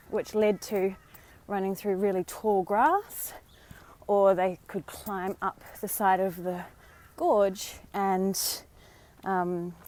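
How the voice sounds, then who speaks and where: Out on a walk, an Australian vlogger and dating coach chats casually into her phone in a live-stream style, sounding encouraging and using plenty of ums and friendly asides. Her middling-pitched voice has a darkish tone and is a little hoarse and croaky from a sore throat.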